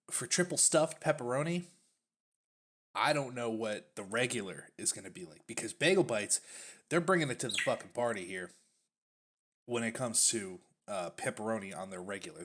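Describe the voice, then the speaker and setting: On his stream, a man casually reviews snack foods, chatting away with plenty of fillers and sometimes talking through a mouthful. His mid-range voice is expressive and a bit bright, at a moderate pace.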